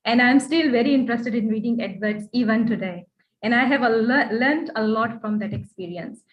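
A woman's voice: fairly high pitch, normal speed. A woman with a Fijian accent giving a prepared presentation as a guest speaker, earnest and advisory. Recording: dull online call audio.

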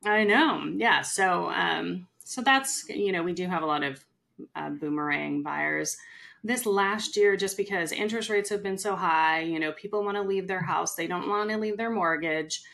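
A middle-aged woman with a low voice and a gravelly, creaky texture. She talks casually in a chatty, animated way about her real estate work. She often slips into the voices of the people she quotes. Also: normal speed. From California. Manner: chatty, animated storyteller who acts out quotes. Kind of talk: casual podcast conversation.

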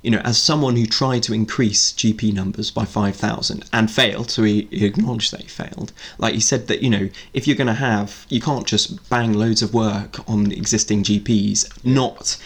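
A man's voice: on the low side, steady tone, normal speed, few pauses, breathy edge. A British man co-hosting a casual podcast chat, talking with lots of ums and restarts. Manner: hesitant, full of fillers and restarts. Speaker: podcast co-host.

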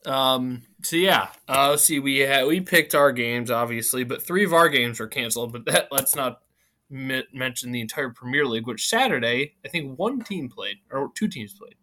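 Male sports podcast co-host, mid pitch, highly animated delivery, slightly slurred diction, casual and teasing. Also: moderate pace. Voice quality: slightly slurred, numb-mouthed speech.

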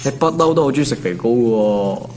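An actor with a Hong Kong accent voices an ordinary, put-upon office worker in his twenties in a naturalistic audio drama. His medium-pitched voice is expressive, a little fast and darkish, teasing and casual in a wry, colloquial way. The acting is light, with slight background noise.

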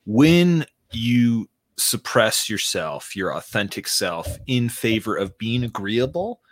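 A man co-hosting a podcast, talking in a loose, excitable, rambling way. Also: on the low side, slow. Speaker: podcast co-host. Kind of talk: casual chat.

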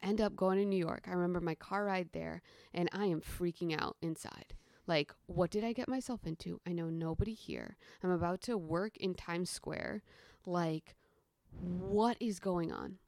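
Animated young woman telling stories. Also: fairly low pitch, normal speed, gravelly, dry recording, studio quality. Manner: animated, acts out quoted dialogue, frequent "like". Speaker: podcast guest, storyteller. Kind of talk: casual storytelling interview.

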